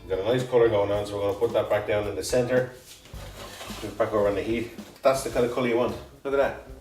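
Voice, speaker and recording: Low-voiced joking man in an echoey kitchen. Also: fairly even intonation, quick pace, darkish tone, faint music behind. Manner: joking, rambling, chatty. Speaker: cooking show host. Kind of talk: casual cooking chat.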